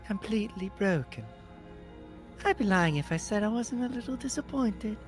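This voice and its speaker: A woman's voice: mid-range voice, animated, normal speed, faint music behind, pitched above the performer's own voice, close to an everyday voice. Woman voicing a taunting, swooping game princess. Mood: mocking disappointment. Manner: taunting, condescending. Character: menacing, disappointed captive princess with swooping mocking voice. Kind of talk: visual novel voice acting.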